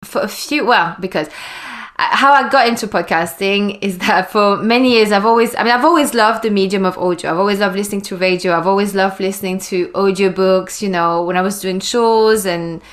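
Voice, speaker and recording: A woman's voice: mid-range voice, a little fast. A woman in her forties from Belgium, a podcast guest telling her story in a chatty, rambling way with frequent laughs. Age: 40s. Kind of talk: casual interview chat.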